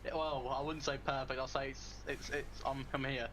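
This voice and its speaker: A man's voice: mid-range voice, little pitch movement, moderate pace, crowd noise. A man with a northern English accent interviewing a streamer in a casual, joking way, often stammering and restarting. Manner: stammers and restarts, dry jokes. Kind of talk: casual joking chat over a stream call.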